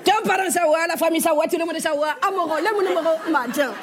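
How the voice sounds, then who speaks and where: A woman comedian voicing a warm-hearted Malian greeter with an imitated Malian accent, recorded live on stage. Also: extremely high pitch, steady tone, quick pace, a crowd in the background. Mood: beaming. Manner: smiling, effusive greetings. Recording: live stage audio, loud audience noise.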